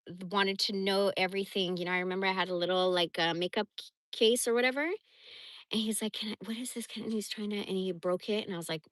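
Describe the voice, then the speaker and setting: A woman's voice: mid-range voice, fairly even intonation, fast talker, fairly bright tone, dry recording. A woman from the Bay Area telling rambling personal stories on a casual livestream, blunt and profane. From San Francisco Bay Area. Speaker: livestream host.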